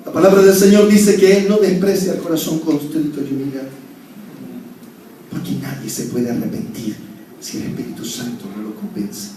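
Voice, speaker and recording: A male pastor preaching a sermon, swinging between loud urgent calls and soft tender passages. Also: a little high, steady tone, moderate pace, slight background noise. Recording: very echoey church hall, heard from a distance.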